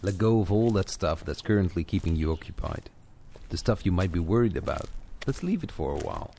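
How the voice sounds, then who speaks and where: A low-voiced man coaches a single listener through a walking audio session, speaking conversationally in a sing-song, fairly quick, mellow way. The recording is clear, with added outdoor walk effects behind him: footsteps, garden birds and ambience.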